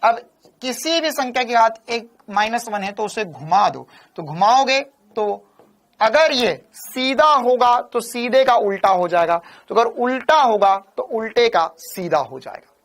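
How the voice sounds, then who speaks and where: A male physics teacher runs an online coaching class in a very high, fairly bright voice that is expressive and unhurried. He repeats phrases, fires questions at his students, and keeps asking viewers to confirm and give a thumbs up.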